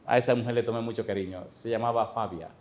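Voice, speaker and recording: A man's voice: fairly low pitch, quick pace. A middle-aged man, a pastor, preaching a sermon in a church and telling stories with questions to the congregation. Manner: lively storytelling, addressing the congregation with questions.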